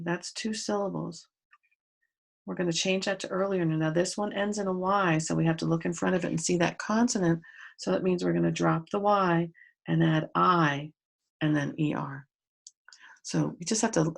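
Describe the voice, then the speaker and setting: Teacher, woman, low husky voice, patient step-by-step remote grammar lesson. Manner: patient, explains step by step, spells out letters. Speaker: grade school teacher.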